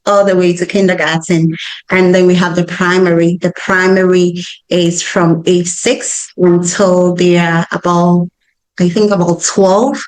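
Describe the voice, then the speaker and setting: A woman's voice: on the low side, a little mellow, rough recording. A woman with a West African, Ghanaian accent, answering interview questions earnestly and emphatically, often checking in with "right?". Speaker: school founder, interview guest.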